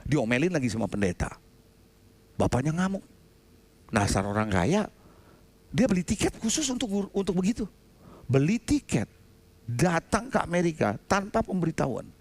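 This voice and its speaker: Animated pastor preaching. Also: male voice, a little high, normal speed, long pauses. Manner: animated storytelling with sudden loud outbursts. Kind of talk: sermon. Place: church sanctuary.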